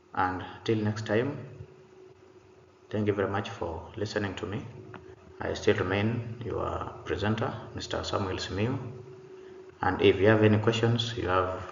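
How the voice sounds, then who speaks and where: A man teaching an English pronunciation lesson, reading example sentences slowly and repeating them, with frequent "uh" fillers. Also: on the low side, a little hiss or hum. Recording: dull lo-fi sound in a roomy reverberant space.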